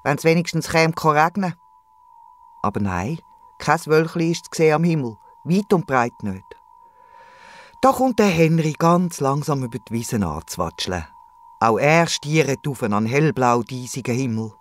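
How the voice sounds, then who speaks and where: A man with a Swiss German accent, narrating a children's radio play in a lively storytelling manner. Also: medium pitch, normal speed.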